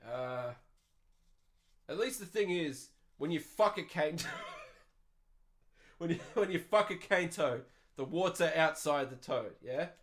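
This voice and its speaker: Australian male podcast host with a slightly high voice, crude and profane, swings from loud to mumbled. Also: animated, takes it slowly, long pauses. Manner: crude, profane, swings between loud outbursts and muttered asides. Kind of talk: solo ranting podcast.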